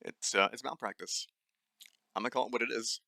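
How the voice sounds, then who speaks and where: Medium in pitch and fairly even in intonation, this gravelly, sharp-toned voice moves a little fast with no room sound. It's a young adult man hosting his own nutrition podcast in a solo rant, dry, blunt and angry, cursing frequently and stumbling through lots of fillers and restarts.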